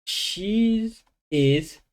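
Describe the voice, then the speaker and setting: Man slowly drilling English vocabulary. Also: high voice, animated. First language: Lingala. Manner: switches between languages, slow drilling of English words. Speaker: language teacher. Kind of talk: informal vocabulary lesson.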